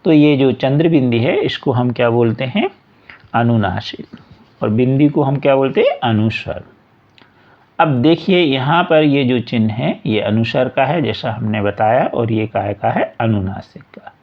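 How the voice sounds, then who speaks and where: A man teaching a school workbook lesson, reading a passage aloud and then going through example words one at a time, patiently. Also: medium pitch. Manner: slow, patient, repeats examples word by word. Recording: dull lo-fi recording.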